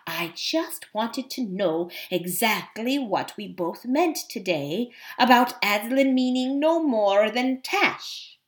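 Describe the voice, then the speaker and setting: Lady doing a sly purry cat guy, silky and soft, takes his time. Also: on the high side, expressive, slow, hardly any pauses. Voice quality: silky, purring. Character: sly silky-voiced male cat plotter.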